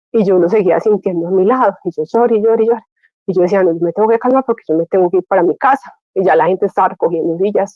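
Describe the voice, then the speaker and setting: A woman tells her faith testimony as an animated story and plays out the voices of the people in it. Her voice sits at a middle pitch. The recording is dry and slightly dull. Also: no echo. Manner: animated storytelling, acts out her own past words. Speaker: guest giving faith testimony. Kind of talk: personal testimony.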